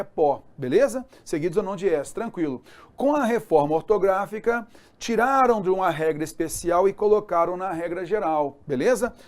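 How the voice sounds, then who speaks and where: A Brazilian man teaches an exam-prep grammar lesson. His voice sits slightly higher than most men's, and he keeps it chatty, checking in with his students again and again. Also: darkish tone. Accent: Brazilian Portuguese. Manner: chatty, repeats checks like "beleza?" and "tá?".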